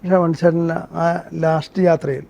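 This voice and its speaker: Male guest, earnest storyteller, higher voice, muffled lo-fi sound. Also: fairly even intonation, a little fast, warm tone. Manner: earnest storytelling, breaks into song. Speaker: interview guest, actor and singer. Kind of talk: conversational interview with sung excerpts.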